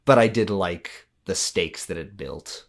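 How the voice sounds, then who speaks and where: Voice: sits low, expressive, measured pace. A podcast co-host in casual chat, agreeable and often chiming in with short replies.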